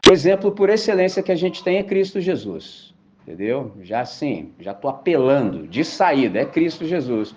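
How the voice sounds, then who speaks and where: Animated Brazilian man preaching. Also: a little high, moderate pace, a little hiss or hum. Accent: Brazilian Portuguese. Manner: slangy, conversational, asks rhetorical questions. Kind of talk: lively evangelical sermon. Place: auditorium stage. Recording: dull lo-fi sound.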